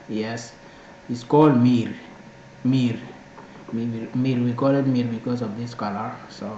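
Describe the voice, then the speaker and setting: A native Dinka speaker from South Sudan runs his channel's informal video lesson, repeating words for learners in a South Sudanese accent. His mid-range voice has a darkish tone, and the sound is muffled and echoey with faint noise.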